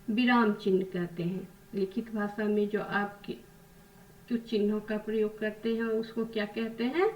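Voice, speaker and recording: A woman's voice: fairly high pitch, highs cut off. Woman teacher, patient, echoey distant mic. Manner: patient, asks questions and answers them herself. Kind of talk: Hindi grammar lesson.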